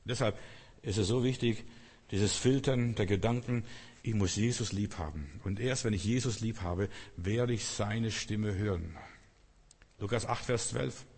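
With a fairly low, darkish voice, a breathy edge and a measured pace, a man preaches a sermon earnestly and directly, putting rhetorical questions to listeners. The long reverb of a large hall surrounds him.

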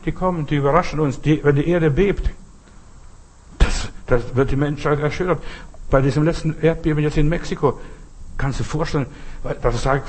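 A man with a medium-pitched, somewhat mellow and husky voice preaches freely in a folksy, exhorting style. He speaks directly to the listener with short, repeated appeals, delivering a sermon built from brief imperatives and anecdotes.

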